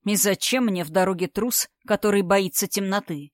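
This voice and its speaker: A woman reading the part of a gruff, stern man who talks curtly and grumbles, in an audiobook. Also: mid-range voice, normal speed, no echo, studio quality, natural voice. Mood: grumbling. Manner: grumbling, curt. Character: gruff stern man, a wary traveling companion. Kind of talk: audiobook character voice.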